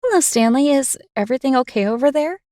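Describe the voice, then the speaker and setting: A graceful, courteous pen lady from a cartoon. Her voice sits high but mellow, and it is heard close and dry. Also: lively intonation, quick pace, dry recording. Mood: polite. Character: graceful elegant female stylus pen, polite. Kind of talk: animated cartoon voice acting.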